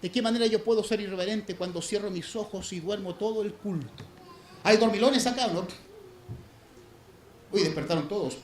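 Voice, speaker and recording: Male pastor, very high voice, sermon with dramatic loud-to-hushed swings; echoey church sound. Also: moderate pace, pauses often, a little hiss or hum. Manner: preaching with sharp swings between loud emphasis and hushed lows. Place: church sanctuary. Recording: echoey church room, faint ambience.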